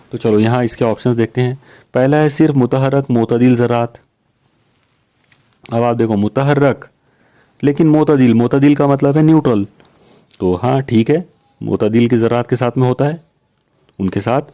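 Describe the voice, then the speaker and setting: A man from India lectures on physics in a patient, explanatory way, pausing to check in with his students. His voice is very dark and mellow, sitting at an ordinary pitch for a man. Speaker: physics teacher. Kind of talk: recorded lecture solving exam questions.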